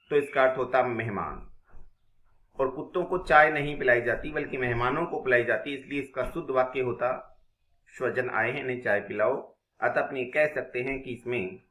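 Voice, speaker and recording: Guy teaching grammar for exam prep, bright clear voice, echoey room, walks thru it step by step. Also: medium pitch. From India. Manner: explains step by step, asks and answers his own questions.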